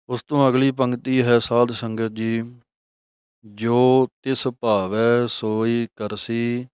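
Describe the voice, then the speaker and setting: A man teaching correct scripture recitation, chanting verses slowly and then explaining them in a calm, measured tone. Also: lowish voice, clean tone, no room sound, studio quality. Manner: slow, drawn-out recitation of verses between explanations. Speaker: Sikh religious teacher. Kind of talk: scripture pronunciation lesson.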